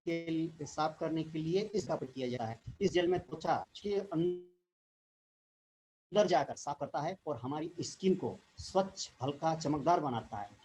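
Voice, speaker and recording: A man's voice: a little high, animated, normal speed, darkish tone, low-quality recording. Man with a raised voice giving a pep talk. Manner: repetitive, with frequent tag questions and throat clearing. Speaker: direct-selling distributor. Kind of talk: informal motivational talk.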